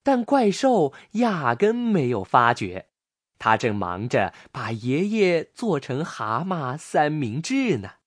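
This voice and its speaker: A woman reading a children's storybook aloud in an expressive way. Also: deep voice, slow pace, no echo, clean studio sound.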